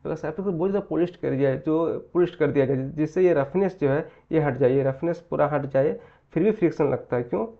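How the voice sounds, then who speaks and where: A man teaching a physics lesson in mixed Hindi and English, repeating key phrases slowly and answering his own questions. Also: a little high, gravelly, phone-quality sound. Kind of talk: Hindi-English mixed exam-prep lecture.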